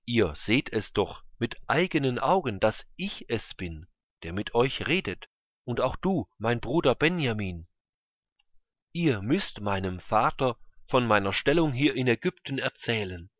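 A man voicing Joseph, a powerful man forgiving his brothers, speaking slowly and earnestly. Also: mid-range voice, very animated, no room sound. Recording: dull lo-fi recording.

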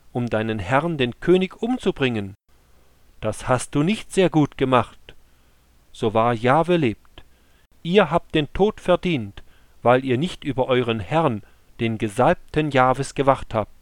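A man's voice: mid-range voice, animated, a little slow, no room sound, lightly acted. A man voicing an earnest young male warrior in a scripture story, with a raised, pleading delivery.

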